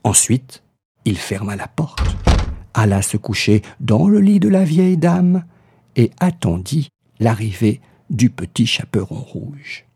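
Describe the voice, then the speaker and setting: A man's voice: medium pitch, husky. A man reading a fairy tale aloud as a storyteller. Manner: slow, lively storybook narration. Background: soft music.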